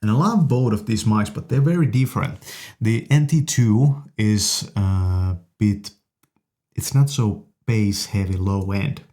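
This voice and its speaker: Recorded on studio condenser microphones, a man hosting a video casually demos audio gear, halting yet enthusiastic. His voice is lowish with a warm tone.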